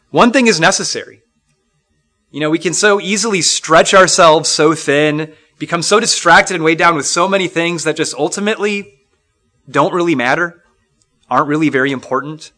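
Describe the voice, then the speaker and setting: A man's voice: a little high, bright, forceful tone. A middle-aged man from Minnesota teaching a Bible lesson in an earnest, reflective way, with fillers and restarts.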